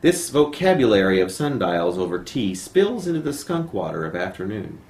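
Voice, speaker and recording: A poet's voice sits on the low side, a little mellow and sing-song, moving at a normal speed as he reads aloud at a live home gathering. The sound comes from the camera microphone in an amateur video, with a roomy echo and some faint noise.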